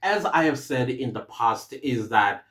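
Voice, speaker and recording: A man's voice: medium pitch, lively intonation, unhurried, fairly bright tone. A man with a South African accent hosting a podcast, talking to his viewers in an earnest, rambling way and often stopping to hesitate and restart. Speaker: podcast host. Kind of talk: casual podcast monologue.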